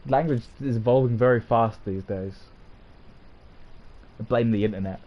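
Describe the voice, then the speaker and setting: A man's voice: mid-range voice, normal speed, phone-quality sound. A man streaming a game and chatting with his viewers in a casual, self-mocking way, often laughing. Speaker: gaming streamer.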